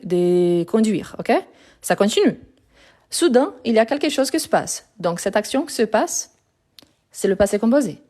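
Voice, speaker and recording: A French teacher with a mellow, mid-range voice teaches a live grammar lesson over her phone. She explains patiently, repeating words and correcting herself along the way.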